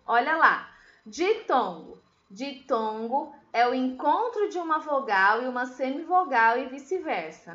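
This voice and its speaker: A woman teacher speaks slowly and patiently, walking her pupils through each step. Her voice sits high and bright. The sound is dull and roomy, like a home recording. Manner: patient, explains step by step with questions. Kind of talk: recorded remote class lesson.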